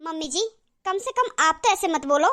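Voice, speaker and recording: A woman's voice: extremely high pitch, lively intonation, moderate pace, sharp tone, exaggerated voice. A woman voicing a young, caring daughter-in-law in a cartoon, speaking earnestly and reassuringly. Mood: pleading. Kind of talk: cartoon voice acting.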